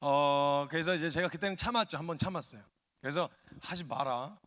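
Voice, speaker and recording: A male missionary preaching a humorous story-driven sermon, animated and acting out quotes, at a worship gathering. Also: fairly high pitch, fast. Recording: long hall reverb.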